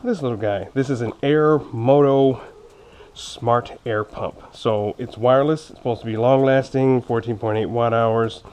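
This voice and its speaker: At a measured pace and in a steady, mid-range voice that's a little mellow, a man with braces speaks with slight impediment. The motorcycle vlogger offers a casual unboxing review of gear, chatty and informal, peppered with jokes at his own expense. Background noise and clicks are clearly present.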